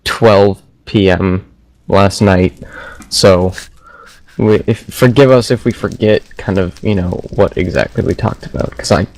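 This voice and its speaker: A man's voice: low-pitched, a little slow, vocal fry, a little mellow, poor audio. A young man co-hosting a casual philosophy chat, rambling with lots of "like" and "you know". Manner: rambling, filler-heavy. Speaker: co-host.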